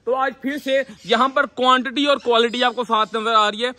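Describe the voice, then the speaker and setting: A man in his thirties from Pakistan, hosting an excited, chatty vlog walkthrough of a bird aviary and talking straight to viewers. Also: extremely high pitch, brisk. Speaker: vlogger host. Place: large outdoor bird aviary. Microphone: phone camera held at arm's length. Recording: noisy outdoor phone recording. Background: birds squawking.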